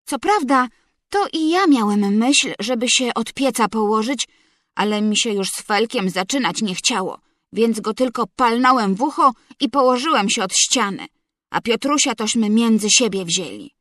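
A woman reading a story aloud as narrator, in an unhurried, measured storytelling manner. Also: on the high side, lively intonation, fairly bright tone, no echo, clean studio sound. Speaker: audiobook reader. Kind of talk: literary narration.

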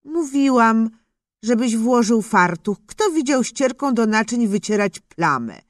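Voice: mid-range voice, sing-song, unhurried, no echo, clean studio sound. A storybook reader voicing an exasperated mother who scolds her husband. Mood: scolding. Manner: scolding, aghast.

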